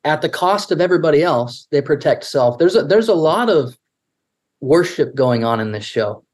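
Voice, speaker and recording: A man's voice: on the high side, animated, moderate pace, a little mellow. A man co-hosting a podcast in casual discussion, earnest, who restarts his sentences often while thinking aloud. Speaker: podcast co-host.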